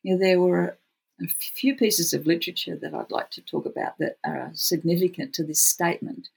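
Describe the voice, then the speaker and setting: An Australian speaker with a gravelly, husky voice who says w for r, talking reflectively as an interview guest. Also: mid-range voice, fairly even intonation, moderate pace, low-quality recording. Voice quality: cannot pronounce R's well, says w for r. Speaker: podcast guest, futurist researcher.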